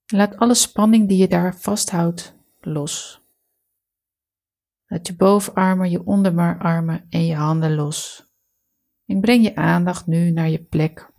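Female meditation guide: lower register, noticeable vocal fry, calm and soothing, measured relaxation instruction.

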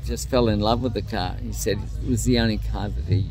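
A man's voice: lowish voice, fairly even intonation, fairly quick, over music, poor audio. An Australian man in his sixties giving casual interview answers as a car owner at a show.

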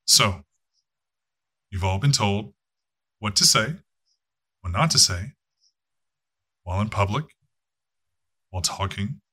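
A man's voice: fairly low pitch, animated, takes it slowly, long pauses, pushed and bright, slightly rough. A man narrating a tabletop game as game master, casual and profane, with frequent fillers.

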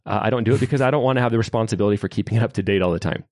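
A man's voice: fairly low pitch, very fast, dry recording, clean studio sound. A man hosting a programming podcast, sharing opinions in a conversational way. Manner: opinionated, conversational, lively emphasis. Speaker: podcast host. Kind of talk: tech podcast talk.

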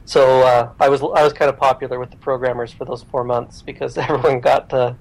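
A man who is a guest on a podcast, talking in a relaxed, self-deprecating way with many fillers. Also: mid-range voice, brisk, creaky, rough recording. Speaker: podcast guest, programmer and writer. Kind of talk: casual interview chat.

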